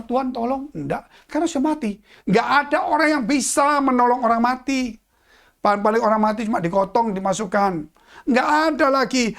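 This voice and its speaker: A man preaching a sermon in a dramatic, swinging style, dropping to hushed tones and rising again as he addresses the congregation. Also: extremely high pitch. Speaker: pastor. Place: church.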